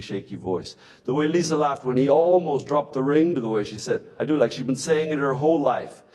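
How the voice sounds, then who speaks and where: A man's voice: medium pitch, darkish tone. A man narrating a tragic story in a solemn, dramatic scripted style. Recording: long hall reverb.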